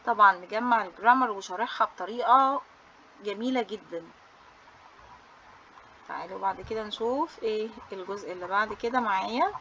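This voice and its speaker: A woman's voice: mid-range voice, fairly quick, long pauses, sharp tone, muffled recording, slight background noise. A woman English teacher with an Egyptian Arabic accent, reviewing a study booklet for pupils in a cheerful, coaxing way, dropping English terms into her Arabic. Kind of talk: book review for students.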